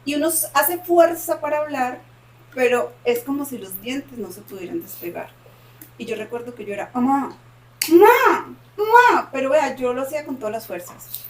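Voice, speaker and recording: A woman with a slightly high voice and a brisk delivery co-hosts a podcast. She retells a personal story dramatically and with animation, repeating phrases again and again.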